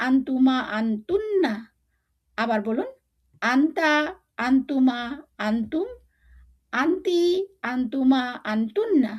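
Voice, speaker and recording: A woman with a high voice leads a language lesson. She explains each point plainly and drills short word lists aloud, pausing so learners can repeat after her. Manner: slow drilling recitation, repeating words for learners. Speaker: Arabic teacher.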